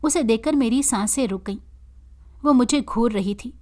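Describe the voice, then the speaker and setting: A woman storyteller reading a moral story in an earnest, steady way. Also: fairly high pitch, moderate pace. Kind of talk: scripted story narration.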